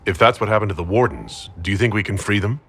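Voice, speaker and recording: An actor playing a wry, teasing leader of a fantasy order in a video game, with a dry, understated manner. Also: male voice, lowish voice, quick pace, a bit bright, a little hiss or hum. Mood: serious.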